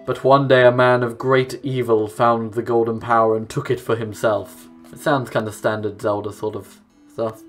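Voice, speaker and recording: A young adult man reads game text aloud and tosses in offhand asides during casual let's play commentary, recorded in a small room at home. His medium-pitched voice is flat, at normal speed with few pauses, while game music with plucked guitar plays behind him.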